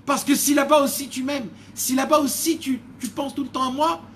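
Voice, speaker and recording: A man acting out God speaking, loving and mighty, in slow, loud, solemn declarations. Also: very high-pitched, steady tone, slight background noise, voice pushed up.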